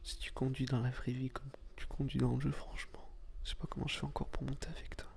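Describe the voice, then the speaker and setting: Gravelly whispering man, whispered role-play. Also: medium pitch, flat delivery, fast talker. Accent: regional French. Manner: teasing, gentle, patient coaching. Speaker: ASMR boyfriend teaching his girlfriend a video game.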